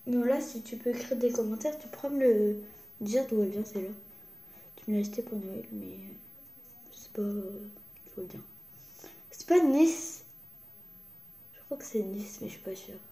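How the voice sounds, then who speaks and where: A young woman from France chatting excitedly in a casual show-and-tell vlog, often dropping into whispers. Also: mid-range voice, normal speed, pauses often. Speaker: vlogger. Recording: echoey room.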